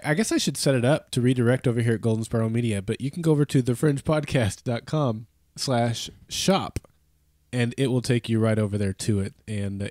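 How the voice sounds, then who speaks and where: In a clean studio recording with no echo, a man in his thirties hosts a casual podcast chat. His medium-pitched voice is warm but nasal and stuffy from a head cold. He rambles, restarts often, corrects himself and chuckles a lot.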